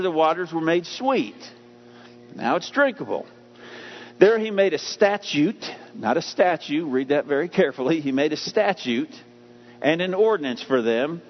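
A man preaching with a somewhat high voice, swinging from raised, acted-out lines to low, quiet asides. His words ring out with a long reverb, as if from a large church sanctuary. The sound is a little dull, with a faint hiss underneath. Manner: animated preaching, acts out voices of people and God. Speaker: pastor. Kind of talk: sermon.

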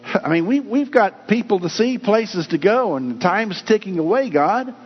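A man's voice: high-pitched, expressive, unhurried, breathy edge. A man preaching a sermon, reading scripture and acting out people's doubts as he goes. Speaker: pastor. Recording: echoey hall, dull lo-fi sound with mains hum.

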